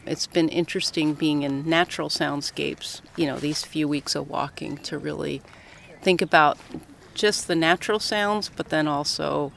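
This middle-aged Colorado professor, chatting as an interviewee outdoors on a coastal path, has a deep, fairly bright voice with vocal fry. Her intonation is fairly even and her pace moderate. Light outdoor ambient noise is present.

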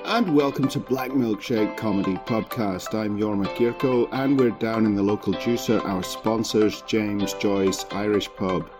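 A man with a fairly low voice hosts a comedy podcast. His delivery is chatty but partly scripted, with faint music behind him. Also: measured pace, hardly any pauses.

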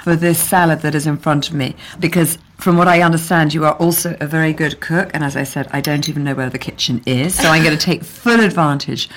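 Low-voiced English woman, reflective. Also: fairly even intonation, a little fast, hardly any pauses. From England. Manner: reflective, earnest, with frequent restarts. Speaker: guest. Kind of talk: conversational interview over lunch.

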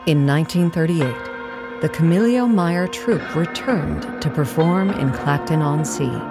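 With music playing underneath, a narrator in a mid-range voice with lively intonation delivers scripted historical content for an audio play. The reading is calm, measured, and matter-of-fact.

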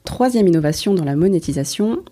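A woman's voice: lowish voice, lively intonation, fairly quick, mellow. A woman presenting a monthly news column on podcasting, reading a script with a lightly wry touch.

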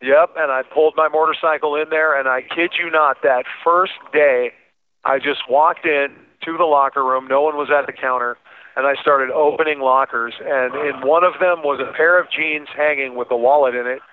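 A man's voice: on the high side, steady tone, moderate pace, a little hiss or hum. Man telling his story, thin phone-like sound. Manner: informal, emphatic, quotes remembered speech. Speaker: interview guest. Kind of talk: candid personal storytelling.

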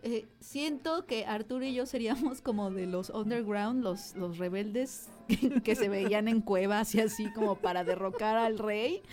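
A woman's voice: mid-range voice, measured pace, darkish tone, faint music behind. A woman with a Mexican accent, co-hosting a casual film chat and musing aloud in a chatty way. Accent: Mexican Spanish. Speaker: podcast co-host.

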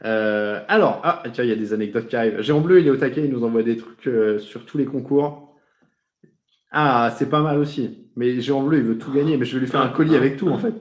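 A man's voice: mid-range voice, a little fast. A man hosting a casual live show, reading out viewer messages in a chatty, joking way. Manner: chatty, jokey, tosses in foreign phrases. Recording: roomy echo.

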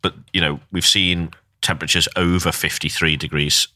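Deep but bright-sounding guy from northern england, chatty podcast host, lots of ums, dry room. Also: steady tone, moderate pace, no room sound. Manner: chatty, hesitant with many ums. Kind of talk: casual chat.

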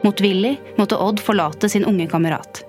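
A woman narrating a scripted history story in a calm, even way. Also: medium pitch. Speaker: podcast narrator. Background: faint music.

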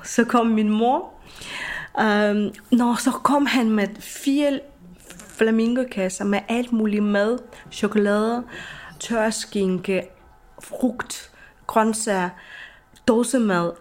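A woman recounting a personal experience in an emotional, lively way, acting out what people said. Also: on the high side. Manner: lively, tearful retelling with acted quotes.

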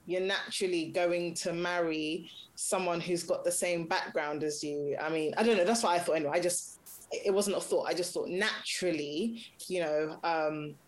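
A woman in her thirties, a consultant and content creator from Nigeria with a Yoruba background and raised in Britain, chats casually about her life in a personal interview. She laughs often and restarts a lot, speaking at normal speed in a lowish voice on a rough recording.

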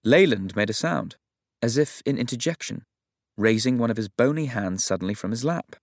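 A man reading a novel aloud as narrator in a measured, even storytelling manner. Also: mid-range voice, no echo, clean studio sound. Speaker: audiobook narrator. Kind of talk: scripted narration.

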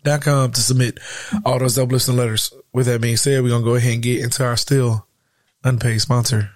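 A man's voice: medium pitch, level tone, a little fast, dry recording. A man hosting a podcast with a slightly nasal, stuffy-nosed voice from a cold, chatting in a slangy, profane, joking way. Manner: slangy, profane, laughs often. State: getting over a cold and sore throat. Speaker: podcast host. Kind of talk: casual comic chat.

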